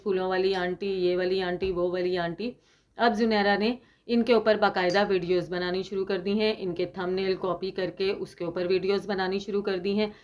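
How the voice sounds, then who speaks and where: A woman from Pakistan giving an opinionated commentary monologue as a YouTuber, indignant and sarcastic, scolding with emphasis. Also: medium pitch.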